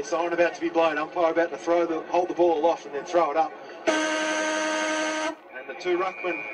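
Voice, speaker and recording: An Australian man gives live play-by-play of a football match. His voice sits a bit high and climbs when play gets exciting. He is picked up slightly away from the microphone. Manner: builds to excited raised-voice calls. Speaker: local radio football commentator. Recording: slightly distant mic.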